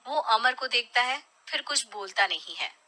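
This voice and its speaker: A woman narrating a cartoon story in a hushed, low-key way. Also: expressive, moderate pace, poor audio.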